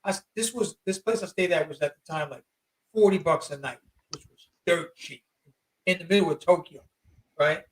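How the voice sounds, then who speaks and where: A man in his fifties with a notably high voice, talking as an interview guest. His delivery is animated and slangy, and he leans hard on his points. He sits a little back from the microphone. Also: moderate pace, recorded from a distance, poor audio. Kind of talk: casual storytelling.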